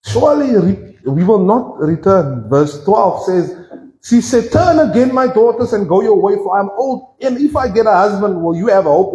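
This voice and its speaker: A South African man preaching a sermon in a church, playful and animated, mixing English and Afrikaans. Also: high-pitched, roomy sound, low-quality recording. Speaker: pastor.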